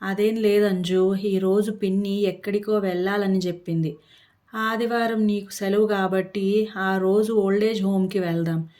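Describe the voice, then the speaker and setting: Woman narrator voicing a middle-aged father, soft, coaxing, dodging questions, steady mid pitch. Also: unhurried, close to an everyday voice. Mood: evasive, firm. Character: worried widowed father, middle-aged man.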